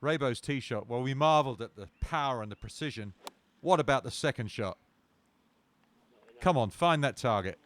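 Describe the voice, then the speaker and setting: A man's voice: medium pitch, expressive, moderate pace, fairly bright tone. A man giving wry golf commentary with dry, playful understatement.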